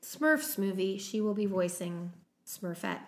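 This podcast co-host has an expressive, mid-range voice as she casually discusses a film's cast. She takes her time going through her notes, with lots of "um" fillers.

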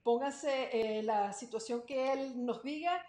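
A woman's voice: fairly high pitch, slow, a little mellow. A woman hosting a podcast live, talking casually and directly to her audience. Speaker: podcast host. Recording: roomy, echoing sound.

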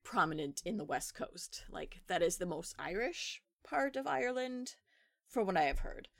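A woman's voice: lowish voice, sing-song, normal speed, gravelly, a bit bright, dry recording. A woman chatting casually as a podcast guest, enthusiastic and opinionated about history.

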